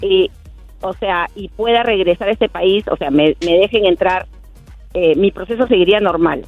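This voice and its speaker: A woman's voice: mid-range voice, normal speed, dry recording, soft background music. Woman on a distant, crackly phone. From Peru. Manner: hesitant, many restarts and fillers. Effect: phone held away from the mouth, cutting out. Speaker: caller. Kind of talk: phone-in question to a radio show. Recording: dry tinny phone line.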